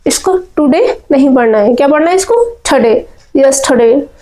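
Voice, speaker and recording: A woman's voice: high-pitched, expressive, quick pace, dark tone, rough recording. A woman teaching spoken English pronunciation, drilling words over and over and asking and answering her own questions.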